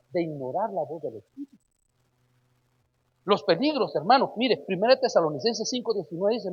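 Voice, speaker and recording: A man's voice: a little high, slightly rough, dull audio. A man preaching a sermon emphatically. He keeps addressing his listeners as brother and asks them rhetorical questions.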